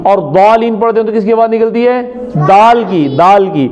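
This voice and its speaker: High-voiced man drilling letter sounds. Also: noisy background. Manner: drills letter sounds, asks and answers his own questions; chants recited words slowly in a sung tone. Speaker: Quran recitation teacher. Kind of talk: classroom pronunciation lesson.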